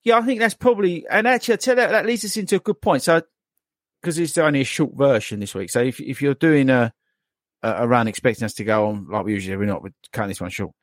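A man's voice: medium pitch, fast, a bit bright, dry recording, clean studio sound. A man hosting a running podcast in casual, teasing chat. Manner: jokey, teasing, laughs a lot. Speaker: podcast host.

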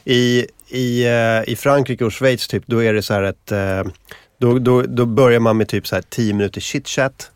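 A man's voice: medium pitch, steady tone, smooth, dry recording. A man on a podcast panel in casual chat, chiming in with dry, wry remarks.

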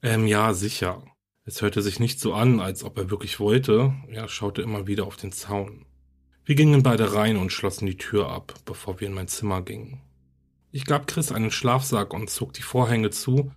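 A man with a deep, slightly breathy voice reads a horror story aloud. His delivery is calm and steady, like a podcast narrator easing listeners into a creepy night tale. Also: moderate pace.

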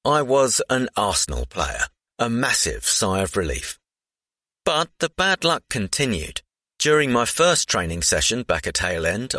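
A man's voice: mid-range voice, pushed and bright, dry recording, clean studio sound. A man reading a scripted profile aloud.

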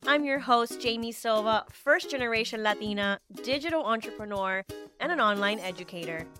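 A woman's voice: fairly high pitch, lively intonation, brisk, music in the background. A woman host delivering a scripted, upbeat, promotional introduction to a podcast.

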